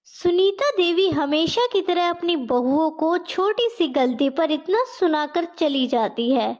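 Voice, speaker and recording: A woman narrating a moral storybook tale in a calm, measured way. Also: high-pitched, highs cut off.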